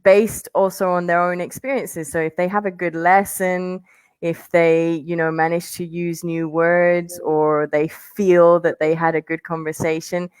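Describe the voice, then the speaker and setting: A chatty, encouraging woman with a neutral accent that is hard to place, sitting on the guest side of a video-call interview. Her voice sits a little low, and the sound is dry and close, with no room around it. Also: flat delivery, unhurried, smooth, no echo. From London, with childhood partly in Colombia. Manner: chatty and encouraging, laughs easily. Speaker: online English teacher, guest. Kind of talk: casual interview. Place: home near Toronto.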